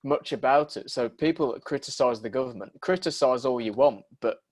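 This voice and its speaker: A man's voice: mid-range voice, brisk. A British man in his early twenties co-hosting a casual chat over a video call, stumbling over his starts before making his point. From Britain. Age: early 20s. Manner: hesitant starts, repeats words, then makes his point. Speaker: podcast co-host.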